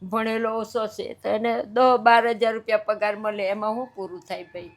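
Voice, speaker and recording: A woman's voice: mid-range voice, little pitch movement, moderate pace. An older woman, crying as she tells of her hardships in an interview, pleading and repeating herself. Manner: tearful, pleading, repetitive. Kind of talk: emotional personal account.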